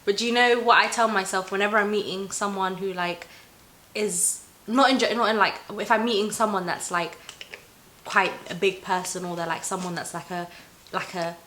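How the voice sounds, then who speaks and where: A young woman host gives advice in a loose, chatty and encouraging manner. Her voice is bright and sharp-edged at an average female pitch. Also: fairly even intonation, moderate pace, a little hiss or hum. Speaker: talk show host. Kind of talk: casual advice chat.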